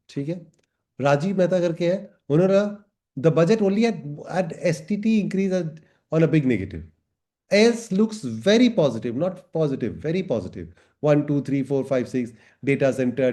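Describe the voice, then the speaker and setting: An emphatic man talking through market matters in a casual explainer style. He has a mellow, dark voice and an ordinary pitch. He hammers on key points and drops in English phrases, which he says slowly for weight. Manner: mixes English phrases into talk, slows down for English quotes. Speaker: market commentator.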